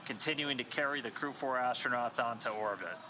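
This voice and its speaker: A man's voice: mid-range voice, fairly quick. Male launch commentator over background noise. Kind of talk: live technical commentary.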